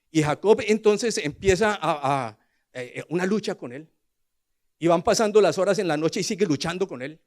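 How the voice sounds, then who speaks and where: An older Colombian-accented preacher speaks in a slightly high voice, turning scripture into a dramatic narrative. He swings from quiet asides to loud, forceful proclamations and keeps asking his congregation rhetorical questions.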